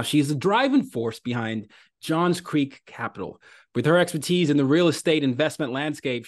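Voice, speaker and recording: A man from Nigeria hosting an interview podcast, talking in an animated, conversational way. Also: medium pitch, no echo, clean studio sound. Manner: animated, conversational, with frequent fillers. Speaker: podcast host.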